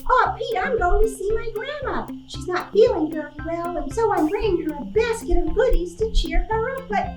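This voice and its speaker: A woman's voice: extremely high pitch, animated, normal speed, roomy sound, music in the background. A woman voicing a spunky, confident little girl in a children's puppet show, with an exaggerated, sing-song childlike delivery. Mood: friendly.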